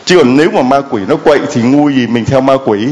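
A man's voice: mid-range voice, fairly quick, darkish tone, faint music behind. Emphatic male priest preaching. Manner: emphatic, rhetorical, questioning. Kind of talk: sermon with audience questions.

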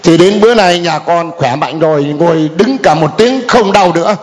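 Older guy, kinda high voice, telling his testimony all halting and hesitant, big echoey church hall. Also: expressive, music in the background. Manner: hesitant, halting with many fillers. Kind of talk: spoken testimony. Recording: long hall reverb.

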